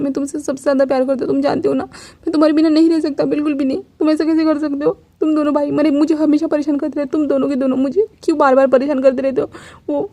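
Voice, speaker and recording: A woman's voice: sits high, mellow, natural voice. A woman voicing a tearful, clingy young man who pleads with stammered repeats. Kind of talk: fan fiction storytelling.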